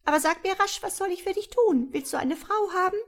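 A woman voicing a tiny, ancient, bearded male sprite with a soft, high, piping voice and a brisk, bossy way of talking, reading from a storybook. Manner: brisk, bossy, quick to answer.

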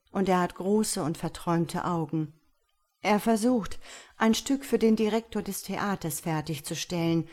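A woman narrating a fairy tale aloud in slow, deliberate storytelling. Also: on the low side, a little mellow. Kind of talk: audiobook fairy tale reading.

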